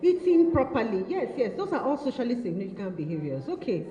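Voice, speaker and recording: Woman, workshop facilitator, affirms answers, playful, somewhat high mellow voice, echoey hall, muffled recording. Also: very animated, a little fast, a faint crowd. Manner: repeats and affirms audience answers, playful teasing. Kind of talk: interactive training session. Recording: echoey hall, dull lo-fi sound.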